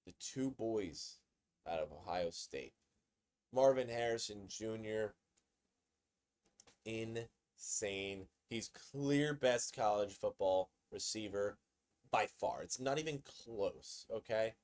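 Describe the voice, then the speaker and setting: Man, sports video host, excitable, chatty, repeats himself. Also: fairly low pitch, slow. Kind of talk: casual sports commentary.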